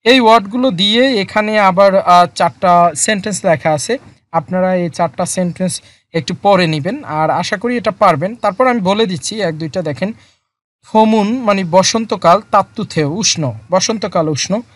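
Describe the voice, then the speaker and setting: A teacher explaining a textbook lesson in a slow word-by-word way, repeating each term with frequent fillers. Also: medium pitch, no echo. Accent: Bangladeshi Bengali. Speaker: Korean language teacher. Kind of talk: lesson explaining vocabulary and grammar.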